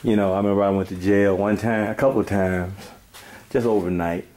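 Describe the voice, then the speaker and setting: A man's voice: on the low side, fairly even intonation, fairly quick, darkish tone, echoey room. A man, laid-back and streetwise, swearing casually as he narrates a walk-through of an abandoned police station on a handheld camera. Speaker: urban explorer.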